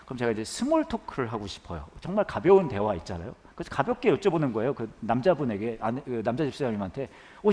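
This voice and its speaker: Animated male pastor preaching. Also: mid-range voice, in a large hall. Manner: conversational, animated, engages the congregation with questions. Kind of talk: sermon. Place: church sanctuary with congregation.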